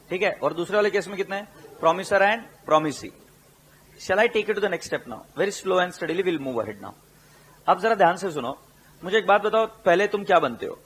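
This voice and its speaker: A man with an Indian English accent teaching accountancy, mixing Hindi and English, repeating key terms slowly for dictation and asking his students questions. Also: high voice, fairly bright tone, a little hiss or hum. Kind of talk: classroom lecture.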